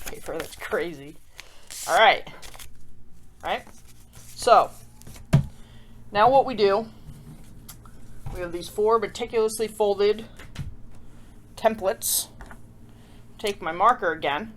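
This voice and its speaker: Hosting a children's craft show, a woman chats casually through a tutorial, tossing in playful self-deprecating asides and often checking in with viewers through questions. She has a medium-pitched voice and a slow pace with long pauses, and there's slight background noise.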